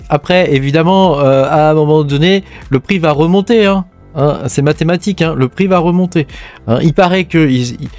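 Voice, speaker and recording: Hosting casual crypto mining news commentary, a man with a French accent chats in a hesitant way, leaning on frequent fillers. His voice is a little high with a darkish tone, and there's no echo.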